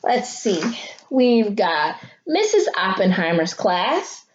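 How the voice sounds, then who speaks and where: Reading a picture book aloud to children, an elementary school teacher talks them through the story with dramatic, expressive delivery, stretching out words for emphasis. Her pitch sits in the middle range, and the audio sounds dull.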